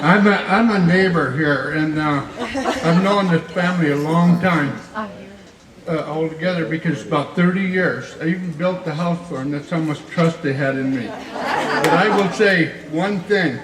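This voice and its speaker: Blunt joking older man, high voice. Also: normal speed. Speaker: neighbor giving a toast. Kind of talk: informal wedding toast. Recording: echoey, distant, crowd and noise.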